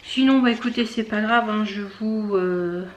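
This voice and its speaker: A woman hosting a knitting video podcast from home, chatting casually with many fillers, pausing to search for words and things. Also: mid-range voice, dull audio, background noise. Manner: chatty, talks straight to viewers. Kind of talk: casual show-and-tell chat.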